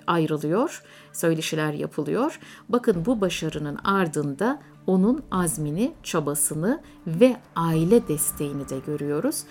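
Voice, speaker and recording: A woman hosting a radio program, narrating in a measured way with frequent hesitant fillers. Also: on the low side, a little mellow.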